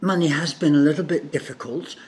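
A man's voice: a little high, fairly even intonation, lightly acted. An older man playing a hard-up, wounded old baron, answering hesitantly in a comic pantomime interview. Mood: sheepish. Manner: hesitant, halting. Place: indoor bar.

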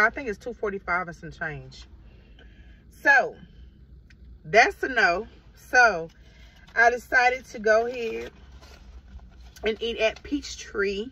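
A middle-aged Midwestern American woman vlogs from a parked car, rambling casually to viewers in a fairly high, bright, forceful voice. Her phone is held at arm's length, so she sounds distant, and the audio is muffled with light car noise.

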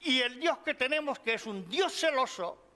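A middle-aged man preaching a sermon, teaching from the Bible in a measured way and addressing the listeners as brothers. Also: very high-pitched, lively intonation, bright, forceful tone. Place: church hall. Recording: long hall reverb.

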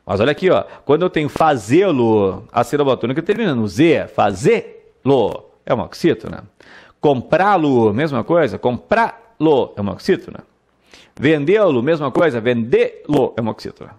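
A man's voice: medium pitch, very animated, moderate pace, a little mellow. A man teaching an online exam-prep grammar lesson, drilling examples and coaxing viewers to answer aloud. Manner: repeats words and drills examples. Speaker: Portuguese teacher.

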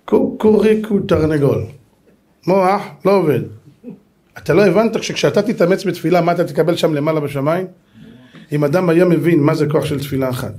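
A man, a rabbi giving a lively sermon and acting out the people in his stories, at times shouting. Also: fairly high pitch. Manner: animated, shouts and acts out voices in the stories.

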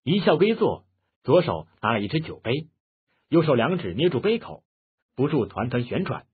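A man narrating a martial-arts novel audiobook in an expressive storytelling manner. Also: mid-range voice, normal speed, slightly rough. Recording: muffled phone-like lo-fi audio.

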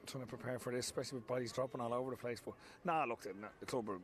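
A man in his forties with an Irish accent, a football manager speaking frankly after a match, restarting his sentences often, into a handheld mic outdoors on a pitch at night. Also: steady tone, racing. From Ireland. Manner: frank, repeats himself, many restarts. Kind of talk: post-match interview. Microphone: handheld mic held close.

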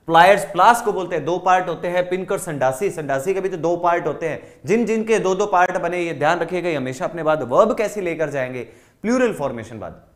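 Man, Indian accent, exam-prep teacher, slightly high voice, drills word lists, checks students follow. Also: expressive, fairly quick. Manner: explains in Hindi with English terms, drills word lists and checks understanding. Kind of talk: online exam-prep lesson.

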